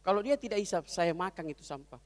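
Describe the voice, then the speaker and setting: A man telling jokes at a corporate event, lively storytelling that swings between loud and soft voices. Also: high-pitched, quick pace. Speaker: comedian. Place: event hall. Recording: long hall reverb.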